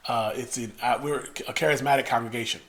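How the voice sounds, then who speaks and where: A man, a pastor, co-hosting a casual podcast, talking in a measured, explanatory way with frequent uhs. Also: medium pitch, steady tone, fairly bright tone. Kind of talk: casual chat.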